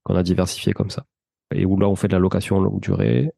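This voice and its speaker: A fast talker with a low, husky, dark voice, vocal fry and little pitch movement, recorded with no echo. This French entrepreneur and property investor of Portuguese descent is an interview guest, informal, slangy and talkative, explaining his own experience in a casual conversation.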